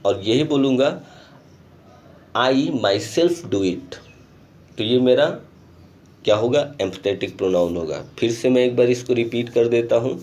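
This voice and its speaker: This male teacher has a mid-range, somewhat dark voice and gives a patient grammar lesson online, captured by screen recording. He works English terms into his explanations and frequently stops to see how the class is doing.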